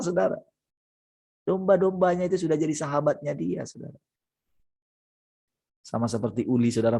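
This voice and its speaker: A pastor preaches a sermon over a video call. The delivery is lively and storytelling, and the speaker keeps turning to the listeners with a direct address. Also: mid-range voice, breathy edge.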